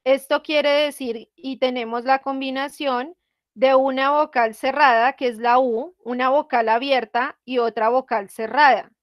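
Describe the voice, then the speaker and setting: Slow, high-voiced woman teacher. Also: dry recording, clean studio sound. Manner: patient, asks students questions. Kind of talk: online class explanation.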